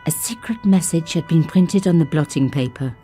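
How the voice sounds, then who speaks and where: A woman's voice: low-pitched, normal speed, dark tone, soft background music, natural voice. An actress voicing a young woman journalist who narrates her sleuthing with dry, self-mocking asides. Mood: wry. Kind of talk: game voice-over narration.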